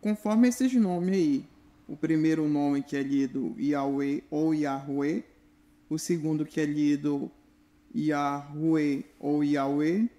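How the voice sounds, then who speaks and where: A man's voice: a little high, mellow. A man, giving a direct, instructive video lesson to the viewer. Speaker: religious teacher.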